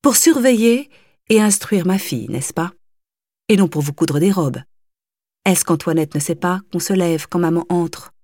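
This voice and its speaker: A woman voicing a stern, snobbish mother who scolds her daughter sharply and loudly. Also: on the low side, very animated, normal speed, breathy edge, no echo, studio quality, heavily acted. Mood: scolding.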